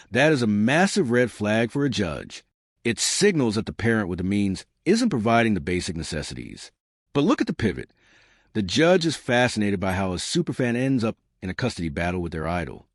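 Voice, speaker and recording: A man's voice: fairly low pitch, no room sound, studio quality. A man narrating a scripted commentary with dramatic rhetorical questions.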